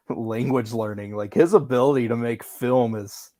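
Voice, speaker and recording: A man who is a guest on a livestream, talking in quick, animated bursts full of fillers. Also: medium pitch, no room sound, clean studio sound. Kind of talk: casual livestream chat.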